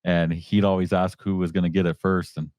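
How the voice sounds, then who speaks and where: A man's voice: deep voice, level tone, brisk, a little mellow, no echo, clean studio sound. A man hosting a podcast, chatting about his family in an easygoing, chuckling way. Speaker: podcast host. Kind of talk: casual chat.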